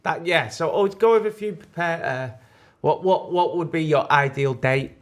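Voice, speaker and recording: A man's voice: fairly high pitch, moderate pace. A British man co-hosting a podcast in casual, jokey conversation. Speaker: podcast co-host.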